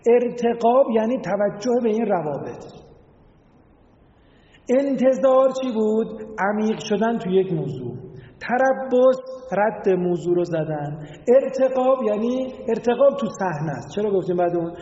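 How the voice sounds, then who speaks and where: A man's voice: high-pitched, animated, dark tone. A man giving a religious lecture, explaining word meanings and asking his listeners rhetorical questions. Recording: echoey hall, dull lo-fi sound.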